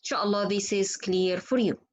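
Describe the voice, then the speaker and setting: A woman's voice: mid-range voice, normal speed, low-quality recording. A woman whose first language is Arabic, teaching Quran pronunciation in an online lesson and demonstrating letter sounds patiently.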